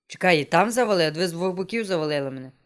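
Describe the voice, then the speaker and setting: A high-voiced man streams a game, racing along with lively intonation as he chats casually to himself and cracks jokes. It's relaxed let's-play commentary over game music.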